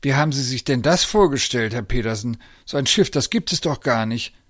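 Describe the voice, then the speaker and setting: A man's voice: mid-range voice, lively intonation, a little fast, fairly bright tone, no room sound, studio quality. A man voicing a puzzled male government official who sounds doubtful and questioning.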